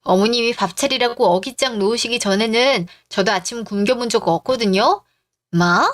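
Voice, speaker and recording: A woman reading a radio drama, speaking as a wife, firm and measured. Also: fairly high pitch.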